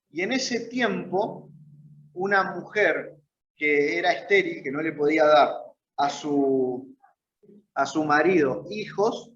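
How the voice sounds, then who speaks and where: A man's voice: high voice, a bit bright, reverberant, highs cut off. A man with an Argentine Spanish accent teaching a church Bible class in a conversational way, often checking in with his listeners. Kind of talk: church Bible study lesson. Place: church meeting room.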